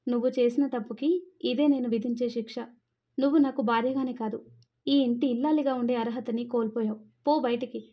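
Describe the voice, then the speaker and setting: A woman's voice: a little high, fairly even intonation, brisk, muffled recording, natural voice. A woman voicing a stern older father-in-law in a storybook reading, scolding and emotional. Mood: angry.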